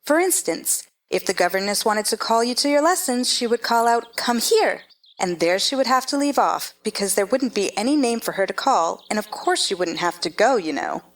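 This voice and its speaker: A woman's voice: fairly high pitch, animated, normal speed. A woman playing a haughty, bossy chess-piece queen who gives imperious, scolding orders in a theatrical stage-play reading. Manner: imperious, clipped commands, scolding.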